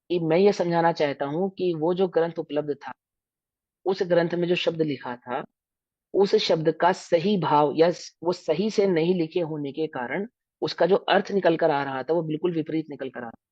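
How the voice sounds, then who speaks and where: A man's voice: fairly high pitch, normal speed, a little mellow, dry recording. A man with a Hindi accent teaching a scripture lesson, explaining at length and putting questions to his listeners before he answers them. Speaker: religious teacher. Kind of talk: scriptural lecture to a class. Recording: dull dry lo-fi recording.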